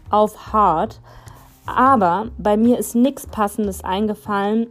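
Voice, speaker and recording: Woman narrating a youth story. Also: mid-range voice. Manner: lively, voices the characters' dialogue. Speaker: audiobook narrator.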